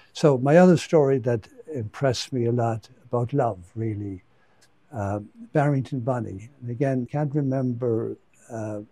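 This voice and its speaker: A man's voice: mid-range voice, mellow, no room sound. A man, a priest, telling a story from memory in a homily, hesitant and repeating words with fillers.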